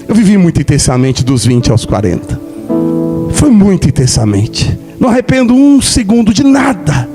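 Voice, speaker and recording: A Brazilian man in his forties preaches with fervor, his voice sitting high and climbing further as his emotion swells. He speaks as a preacher sharing his own testimony at full intensity. Instrumental music plays clearly underneath. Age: 40s. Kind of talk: passionate sermon testimony.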